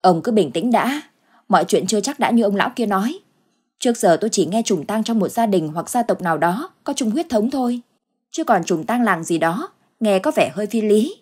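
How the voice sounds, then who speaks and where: A woman voicing a worried elderly village wife in a ghost story, chiding and reassuring, with a husky voice. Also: medium pitch, lively intonation, brisk, darkish tone.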